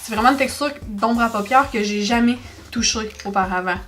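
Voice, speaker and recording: Excitable young Québécois woman vlogger. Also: fairly high pitch, brisk, slight background noise. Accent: Québécois French. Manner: chatty, excitable, exclaims over products. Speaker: beauty vlogger. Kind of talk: casual makeup haul vlog.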